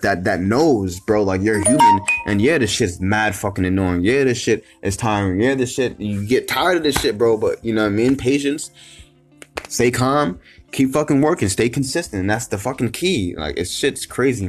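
A man with a fairly low voice delivers an unscripted motivational rant, swearing constantly and circling back over the same points. He restarts his sentences and pushes into loud, frustrated bursts of emphasis. Faint music plays behind him. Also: normal speed. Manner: profane, repetitive and rambling, with frequent restarts. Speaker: motivational vlogger.

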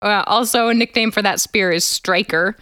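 A woman's voice: medium pitch, normal speed, bright, forceful tone. A woman co-hosting a casual podcast, explaining things at length and laughing often. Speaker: podcast co-host.

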